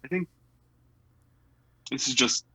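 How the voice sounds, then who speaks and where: Bright-voiced young American man. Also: slow, dry recording, low-quality recording. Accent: General American. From United States. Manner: hesitant, filler-heavy talk with frequent laughs. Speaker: guest. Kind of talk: casual chat.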